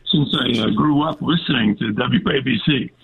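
Gravelly-voiced man on a phone line. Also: medium pitch, a crowd in the background. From Newark, New Jersey. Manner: casual, halting with fillers. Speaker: guest author. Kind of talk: phone-in interview.

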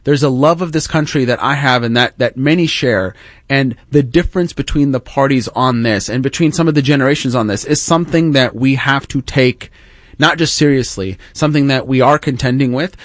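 A man's voice: mid-range voice, brisk, dry recording, clean studio sound. A man appearing as a political guest on a talk show, speaking declaratively and repeating phrases for emphasis.

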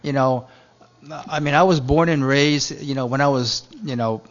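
A man's voice: mid-range voice, moderate pace, lo-fi sound. A middle-aged man from Japan, a chef, answering radio interview questions in a rambling way full of fillers and restarts.

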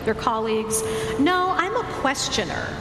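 A woman's voice: high voice, sing-song, moderate pace. An American woman chatting casually and jokingly as an interview guest, with natural uptalk that makes statements sound like questions. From Ohio, United States. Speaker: guest poet and writing teacher. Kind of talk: casual, joking interview chat before an audience. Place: live show on stage in a hall. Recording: echoey hall, clear background noise.

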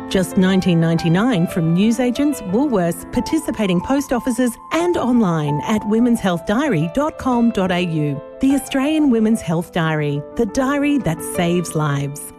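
A woman reading scripted promotional narration for a charity product. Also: mid-range voice. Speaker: advertising voice-over.

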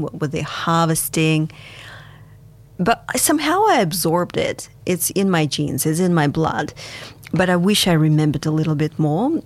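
A woman's voice: sits low, no room sound. A woman from Kazakhstan whose first language is Russian, a guest on a radio show, talking about fermentation with enthusiasm and frequent laughs. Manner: warm, enthusiastic, unhurried, laughs often. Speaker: studio guest, fermentation expert. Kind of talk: radio interview.

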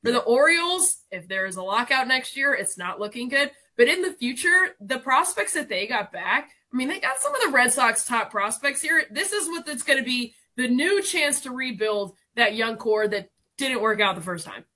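Young woman breaking down baseball trades on the radio, bright voice, a bit high, very sure of herself. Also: expressive, normal speed, hardly any pauses. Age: 20s. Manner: confident, emphatic, explains plainly. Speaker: baseball analyst guest. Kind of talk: sports radio analysis.

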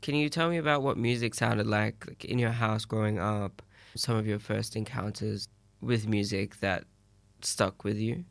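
A man's voice: lowish voice, steady tone, normal speed, creaky, no room sound. A man interviewing a musician, curious and encouraging, asking long, open questions.

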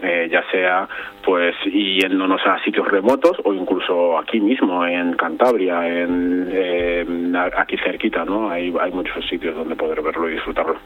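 A man's voice: low voice, fairly even intonation, unhurried. A young man Madrid, a photographer answering radio interview questions, thoughtful and searching for his words with many restarts. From Madrid, Spain. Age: young adult. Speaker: photographer guest. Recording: tinny phone line.

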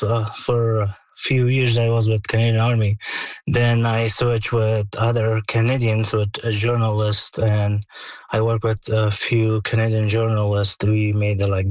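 A man from Afghanistan with an Afghan accent, a former interpreter, speaking in halting English with many pauses and fillers as an interview guest on the line. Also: fairly low pitch, no echo, rough recording. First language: not English. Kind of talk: phone interview. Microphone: phone line.

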